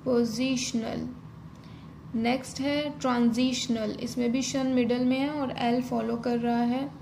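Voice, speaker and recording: A woman's voice: on the high side, steady tone, takes it slowly, vocal fry, darkish tone. A woman teaching shorthand, spelling out each stroke one by one in a patient step-by-step tutorial. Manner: spells out strokes one by one, mixing Hindi and English. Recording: faint ambient noise.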